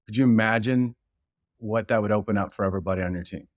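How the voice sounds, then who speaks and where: Rambling, animated man guest on a podcast. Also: on the low side, fast, no echo. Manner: animated storyteller, rambling with restarts. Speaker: podcast guest, leadership expert. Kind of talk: casual podcast conversation.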